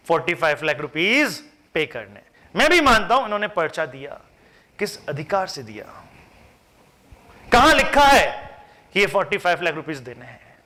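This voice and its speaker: A man's voice: high-pitched, sharp tone, full character voice. A man playing a confident male accountant arguing. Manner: argumentative, questioning.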